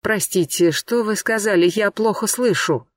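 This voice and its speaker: A man's voice: high voice, moderate pace, no room sound, pitched above the performer's own voice, natural voice. A man voicing a frail, frightened old man who is hard of hearing and talks in a trembling, pleading way. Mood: flustered. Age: older. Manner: trembling, pleading, asks to repeat.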